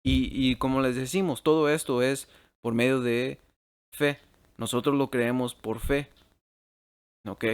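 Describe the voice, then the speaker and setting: A man's voice: mid-range voice, steady tone, unhurried, pauses often, clear, resonant tone. A man teaching a Bible class over shared slides at a computer mic, checking in with "ok?" after nearly every phrase and dropping English words into his Spanish.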